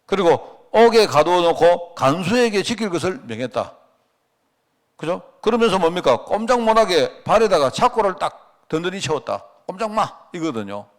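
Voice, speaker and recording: A man's voice: high voice, big pitch swings, moderate pace. A middle-aged male pastor giving a conversational sermon at a prayer meeting, asking the congregation rhetorical questions and telling anecdotes. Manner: acts out quoted dialogue.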